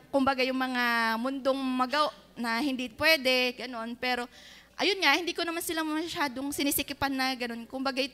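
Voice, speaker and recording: Bright high-voiced woman. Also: smooth. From Philippines. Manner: chatty, laughs often, many fillers and quoted voices. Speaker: church member giving a thanksgiving testimony. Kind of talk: casual spoken testimony.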